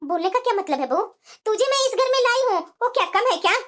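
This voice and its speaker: A woman voicing a sharp-tongued, bossy mother-in-law in a cartoon, speaking in a mocking, scolding tone. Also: very high voice, lively intonation, fast talker. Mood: taunting. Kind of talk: cartoon voice acting.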